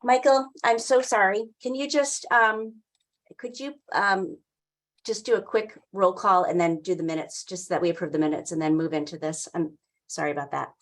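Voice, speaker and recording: An older woman giving an informal, halting explanation as a staffer in a meeting over a video call. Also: mid-range voice, fairly even intonation. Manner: halting, explanatory, with frequent pauses mid-phrase. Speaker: town wetlands staffer running a public meeting. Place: indoor room, on a video call. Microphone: computer mic on a video call.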